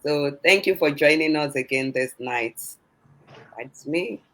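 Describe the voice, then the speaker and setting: A woman from Nigeria, giving a cheerful, relaxed introduction on a live show. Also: low-pitched, unhurried. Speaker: guest panelist.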